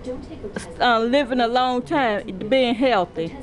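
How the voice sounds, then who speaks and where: Woman, deferential interviewer, casual, unhurried pace, chatter in the background. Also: on the high side. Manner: deferential, frequent brief acknowledgements.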